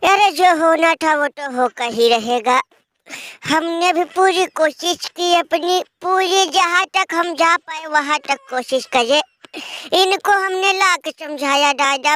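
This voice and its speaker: A woman's voice: extremely high pitch, slow, fairly bright tone, dry recording, full character voice. A woman voicing a melodramatic rustic village friend who wails and laments, in a comic cartoon. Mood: wailing lament.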